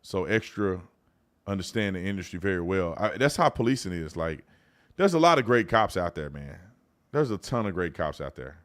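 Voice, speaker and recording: His voice is deep, a bit bright, and sing-song, delivered at normal speed: a middle-aged man hosting a live commentary show. He talks casually and colloquially to the audience, reading their messages aloud as he goes.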